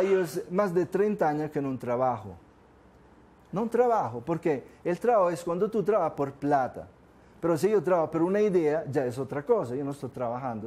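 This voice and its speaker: In a conversational seminar for a class, the course speaker, an older native Italian speaker from southern Italy, keeps asking the room questions. His voice has a warm tone and sits a little high.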